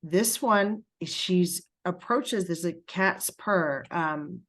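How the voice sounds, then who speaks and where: A middle-aged woman working as a spiritual medium, giving a reading to a client in a halting, emotional way with many fillers and pauses. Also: fairly low pitch, a bit bright.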